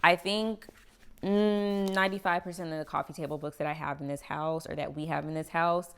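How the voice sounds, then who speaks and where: A woman's voice: deep voice, fairly even intonation, fairly quick, fairly bright tone, smooth. A young woman chatting casually about home products in her kitchen, a bit out of breath, with a chatty manner full of "girl" and "y'all". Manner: chatty, says "y'all" and "girl", laughs often. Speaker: home vlogger.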